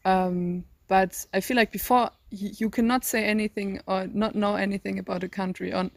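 An eighteen-year-old woman from northern Germany with a German accent, speaking English as a second language, answering interview questions thoughtfully with many pauses and restarts, recorded outdoors in a garden. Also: mid-range voice, steady tone, creaky, no echo. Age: teens. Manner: thoughtful, searching for words, many ums and restarts. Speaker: interview guest, volunteer. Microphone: handheld phone held by interviewer.

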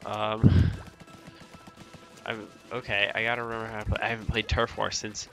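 A man's voice: lowish voice, level tone, normal speed, creaky, bright, forceful tone, soft background music. A man hosting a gaming channel, talking through gameplay in casual, rambling commentary with many hesitations and fillers.

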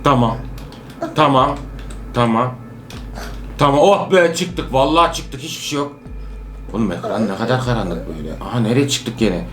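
A man giving excited let's-play commentary on a horror game, joking as a worried father and repeating words in bursts. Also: medium pitch, normal speed, long pauses, reverberant. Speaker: gamer playing a horror obstacle game.

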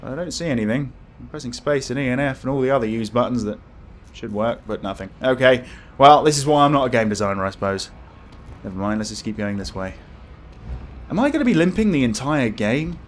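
A man's voice: mid-range voice, slight background noise. Jumpy, scared horror game streamer guy. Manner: scared, jumpy horror gamer, exclaiming and swearing. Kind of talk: casual let's play commentary. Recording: music behind the voice.

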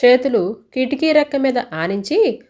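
A woman reading a first-person story aloud in a measured, expressive way. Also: sits high, muffled recording.

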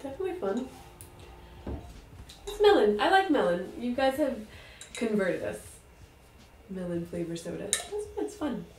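A woman's voice: medium pitch, expressive, normal speed, a little mellow. Casual woman co-host, talkative and loose, recorded from a distance in an echoey room. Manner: chatty, lots of fillers, laughs easily. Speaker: vlog co-host. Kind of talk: casual taste-test chat. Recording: roomy sound from a distant mic.

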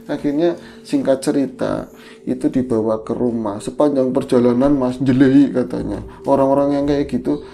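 A woman's voice: a bass voice, moderate pace, a little hiss or hum. A woman co-hosting a podcast, casually retelling a spooky story and slipping into the voices of the people in it. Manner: animated retelling, shifting into quoted voices. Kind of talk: casual horror storytelling chat.

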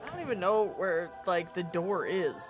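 A woman's voice: on the low side, animated, moderate pace, faint music behind. A woman streaming a game, chatting casually and playfully and swearing now and then. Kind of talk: casual gaming chat.

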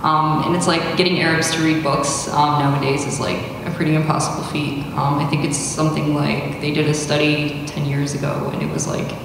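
At an open mic in a large, echoey indoor hall, a young woman with a low voice speaks hesitantly with many fillers before reading a spoken word poem at a podium stand mic. Her delivery is flat, a little fast and has few pauses, recorded by a distant camera with background noise.

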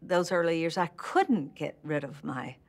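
In a room with curtains and plants, an older Texan woman with a matching accent looks back on her start as an actress during an interview. She speaks a little slowly in a low-pitched voice with lively intonation, staying warm and candid, often laughing and starting sentences over.

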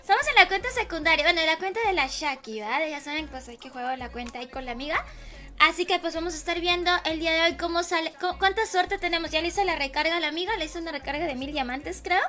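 A hoarse woman who is losing her voice, hosting a casual late-night gaming livestream and affectionately greeting her viewers by name. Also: extremely high pitch, quick pace, sharp tone, faint music behind. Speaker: livestream gamer host.

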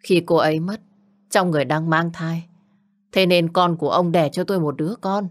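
A cold, powerful young widower, read by a woman in a spoken story. He speaks in short, controlled phrases. His voice sits low and hard. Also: fairly even intonation, normal speed, lightly acted. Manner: curt, controlled.

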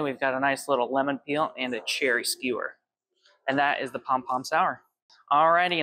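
Background noise surrounds a fairly high-pitched young man, a bartender in his twenties, as he mixes drinks at an indoor bar full of bottle shelves. In a friendly tone, he talks viewers through cocktail recipes one step at a time.

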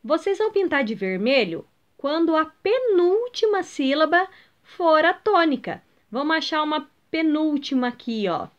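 Lively Brazilian woman teaching children. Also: high voice, dull audio. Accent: Brazilian Portuguese. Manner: patient, sounds out words slowly and emphatically; explains step by step, checks in with "ok?" and "entenderam?". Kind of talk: video lesson for schoolchildren.

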